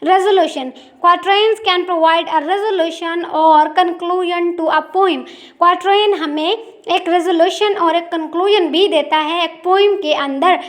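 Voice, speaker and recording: A young woman with a very high voice gives a poetry lesson. She speaks slowly and deliberately, reading each English line word by word before explaining it in Hindi. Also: fairly bright tone. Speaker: teacher. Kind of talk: explanatory lecture.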